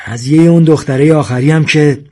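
A man's voice: a little high, warm tone, voice pushed up, natural voice. A man doing a wry sardonic man.

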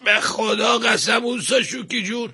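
A clumsy workman in a radio story, calm and unbothered. The voice is very high and sharp, with a husky, gravelly edge, and he keeps insisting on his innocence without any hurry. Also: exaggerated voice. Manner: calm, unhurried, innocent protests.

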